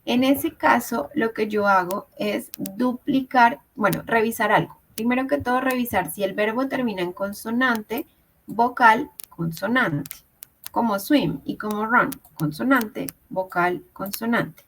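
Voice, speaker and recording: A woman teaches English grammar in an online class over a video call, explaining step by step and checking in with her students. Her fairly high voice is a bit bright and a little slow, and the audio is poor.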